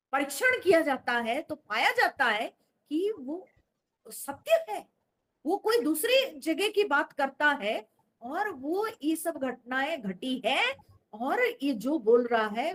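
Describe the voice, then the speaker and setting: A woman teaching in a spiritual discourse, explaining patiently, asking rhetorical questions and dropping in English phrases. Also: sits high.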